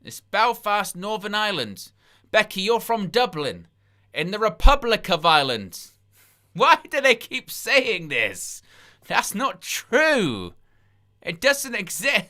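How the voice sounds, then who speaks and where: Speaking slowly in a high, sing-song voice with a sharp edge, this wrestling livestream host rambles on with disbelieving asides. Between reminders to hit like, he reads viewers' chat comments aloud during the live watchalong.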